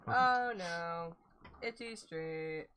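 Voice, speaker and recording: Female co-streamer, playful and teasing, lower pitch with bright sharp tone. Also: drawn-out words, slight background noise. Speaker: streamer friend of the host. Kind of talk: casual chat.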